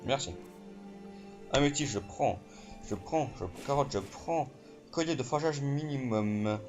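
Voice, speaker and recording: An excitable man talking through his game session in loose let's play commentary, swearing often and stumbling over fillers. His voice sits in an ordinary middle pitch, with game music running clearly underneath. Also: unhurried. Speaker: gamer.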